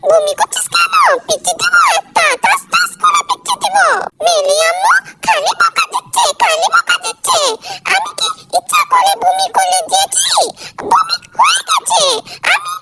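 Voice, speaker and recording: A woman's voice: very animated, moderate pace, sharp tone, soft background music, full character voice. A woman voicing a small, easily hurt female kitten who whines tearfully. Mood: whining. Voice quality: squeaky, tearful.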